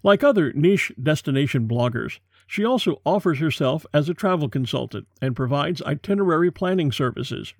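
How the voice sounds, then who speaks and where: A man's voice: on the high side, lively intonation, normal speed, hardly any pauses, no echo. Dry-voiced American man hosting a podcast. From USA. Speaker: podcast host. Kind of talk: scripted podcast introduction.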